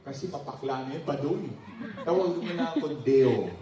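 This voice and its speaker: A man pastor telling jokes at a church anniversary, laughing often and jumping into high voices for characters. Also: normal speed. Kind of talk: joke-telling during a church anniversary talk. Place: large church hall. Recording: distant mic in a very echoey hall.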